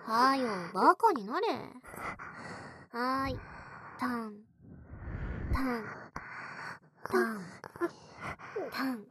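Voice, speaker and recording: A woman's voice: high voice, animated, drawn-out words, long pauses, a bit bright, a little hiss or hum, heavily acted. Woman playing a bratty mocking tease. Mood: teasing. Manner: rough slangy mocking speech, rhythmic counting. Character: bratty teasing domineering young woman. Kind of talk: audio role-play.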